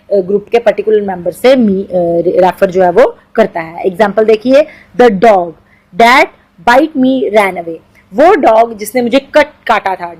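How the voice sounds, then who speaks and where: A woman teacher, explaining grammar in Hindi and reading examples slowly. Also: a little high, low-quality recording. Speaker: English teacher. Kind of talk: exam-prep grammar lecture.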